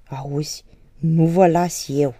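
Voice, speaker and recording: A woman reading the part of a gruff, irritable peasant father in an audiobook, with a mocking edge. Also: sits low, fairly even intonation, dark tone, dry recording. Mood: gruff, sarcastic. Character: gruff sarcastic middle-aged peasant father.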